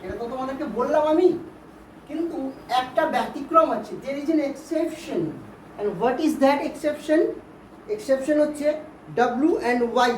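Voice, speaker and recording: A woman's voice: a little high, a little mellow. A woman teaching English vowel sounds to pupils, patiently repeating words and asking questions to check they follow. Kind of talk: Bengali-language grammar lesson. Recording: roomy, distant, faint background hiss.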